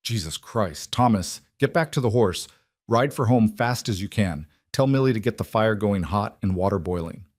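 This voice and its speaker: A man doing a gruff, rough-edged frontier farmer from a storybook western, talking with low, earnest weight. The voice sits deep and is recorded close and dry. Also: expressive, normal speed, darkish tone, dry recording. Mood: urgent.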